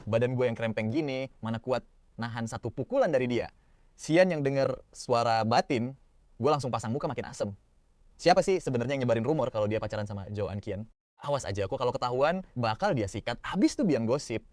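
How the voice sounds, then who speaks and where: A young man tells a comic story in first person, slangy and expressive, as if thinking out loud. His voice is mid-pitched and recorded dry and close, with no room sound. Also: brisk, dry recording. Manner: slangy Jakarta-style casual talk, expressive inner monologue. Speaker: manhwa recap narrator.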